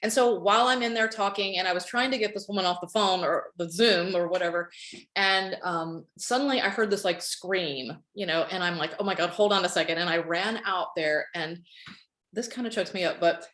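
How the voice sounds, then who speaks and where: A woman's voice: fairly low pitch, moderate pace, fairly bright tone. Chatty middle-aged woman, echoey room. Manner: candid, rambling, storytelling with laughs. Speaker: podcast guest, online course expert. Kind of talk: casual interview chat.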